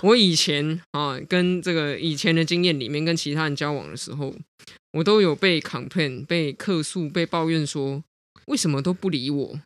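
A podcast co-host chats through a personal story in a lively, animated way, breaking into laughter often. The voice sits at a middling pitch and is recorded dry and close. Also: moderate pace, dry recording. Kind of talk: casual chat, personal storytelling.

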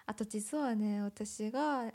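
A woman hosting a casual chat, a non-native speaker whose first language is Chinese, speaking politely and thoughtfully with gentle backchannels. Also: medium pitch, slow pace. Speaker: host.

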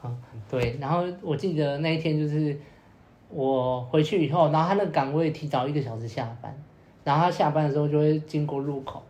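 With a darkish voice on the high side, a young man briskly tells a long, rambling podcast story. Repeated fillers crop up constantly, and he performs the quoted lines himself, while the audio carries a roomy echo and a little noise.

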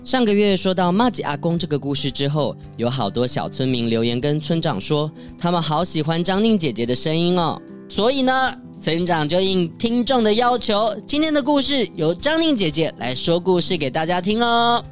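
A man's voice: sits high, animated, normal speed, few pauses, faint music behind. A man hosting a children's story show, cheerful and friendly. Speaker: host.

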